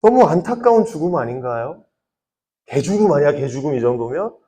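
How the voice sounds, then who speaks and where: 질문을 던지며 말하는 높은 목소리의 젊은 남자. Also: male voice, on the high side, big pitch swings, brisk, slightly rough. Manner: conversational, asks the listeners many questions; often drops to a soft, quiet voice. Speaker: youth pastor. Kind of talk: sermon to teenagers.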